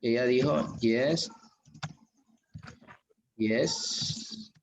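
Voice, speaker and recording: Slow, patient male teacher on a video call. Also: mid-range voice. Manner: slow, patient, repeats examples. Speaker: English teacher. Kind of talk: online class explanation. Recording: dull, echoey room audio.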